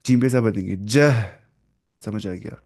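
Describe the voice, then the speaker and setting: A man teaching a recitation lesson, asking his students questions over and over and slowing down to spell out terms, clearing his throat now and then. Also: on the low side, a little mellow. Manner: drills students with repeated questions. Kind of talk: classroom lesson.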